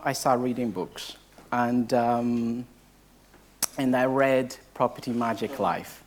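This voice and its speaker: Hesitant young man. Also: a little high. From Portugal. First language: Portuguese. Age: young adult. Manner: hesitant, heavy with filler sounds and restarts. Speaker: case study speaker at a training event. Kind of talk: personal story told to a live audience.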